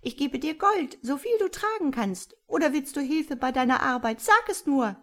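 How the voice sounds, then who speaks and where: Tiny old bearded sprite done by a woman, super high and piping, brisk and bossy, storybook voice. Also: sing-song. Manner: brisk, bossy, quick to answer. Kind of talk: storybook reading.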